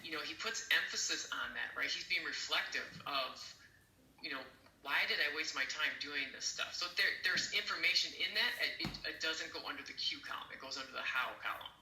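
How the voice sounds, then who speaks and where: A man teaching an interpreting class online, animated and emphatic, acting out examples as he explains. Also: a little high, a little fast, reverberant, a little hiss or hum, rough recording. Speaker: interpreting instructor.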